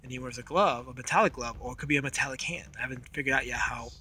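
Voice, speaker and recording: A man's voice: medium pitch, rapid-fire, pushed and bright, soft background music. A middle-aged man giving casual, unscripted drawing commentary outdoors, hesitant and thinking aloud as he works. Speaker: comic artist, video host.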